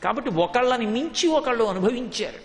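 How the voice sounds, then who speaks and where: A man delivers a devotional storytelling discourse in a high, ringing voice. He switches into the voices of his characters and chants verses with a lilt. A long reverb trails each phrase, as in a large hall. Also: lively intonation, a little fast. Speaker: religious discourse speaker.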